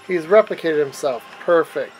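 A man's voice: on the high side, lively intonation, normal speed, darkish tone, low-quality recording. A man hosting a gaming video, giving casual commentary during co-op play. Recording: game music behind the voice. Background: video game music.

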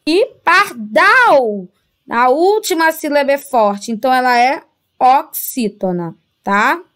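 A woman's voice: high voice, very animated, measured pace. A woman teaching a primary school Portuguese class with a Brazilian accent, patiently stretching out example words and checking in with the children. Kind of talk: recorded remote class lesson.

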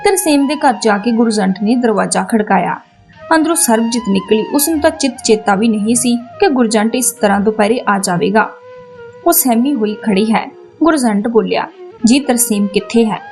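A woman storyteller giving a storybook narration in an even, storytelling delivery. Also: a little high, moderate pace, soft background music.

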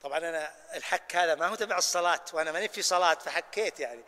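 A man with a Najdi Arabic accent teaching a sheikh's lesson on prayer, demonstrating recitations with slow, drawn-out readings. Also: a little high, pushed and bright. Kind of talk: hands-on religious lesson. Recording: hall reverb.

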